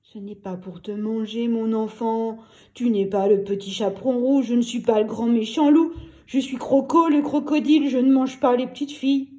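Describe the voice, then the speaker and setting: Brief: woman playing a kindly crocodile in a children's story, calm and warm-hearted, bright high voice. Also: moderate pace, close to an everyday voice. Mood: reassuring. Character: kindly gentle vegetarian male crocodile.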